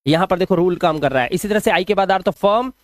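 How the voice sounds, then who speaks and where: A man teaching English phonics rules, who repeats example words slowly and puts questions to his students. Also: high voice, no room sound, clean studio sound. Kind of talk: phonics lesson explaining spelling rules.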